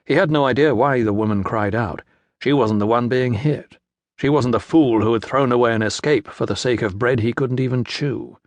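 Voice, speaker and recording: Male audiobook narrator, measured even read, mid pitch, dry studio mic. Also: no echo. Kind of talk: scripted narration. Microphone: close studio mic.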